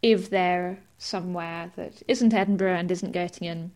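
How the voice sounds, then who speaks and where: A woman podcast host and editor who explains things in an easy, gently self-mocking way. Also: on the low side, steady tone, normal speed. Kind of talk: casual podcast chat.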